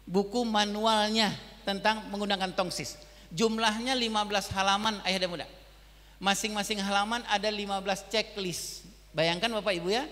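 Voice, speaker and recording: A middle-aged man gives a parenting seminar talk in a high, bright voice. He tells stories and acts out bits of dialogue, turning to the audience often. The sound carries a long reverb from the school hall he speaks in. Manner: addresses the audience as fathers and mothers again and again; storytelling, acts out dialogue in his own voice.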